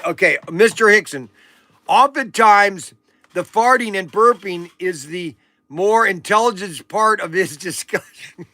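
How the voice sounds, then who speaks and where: A man's voice: high voice, a little slow, sharp tone. A man in his sixties hosting a casual livestream, rambling and joking with viewers as he reads out their comments. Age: 60s. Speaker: livestream auction host.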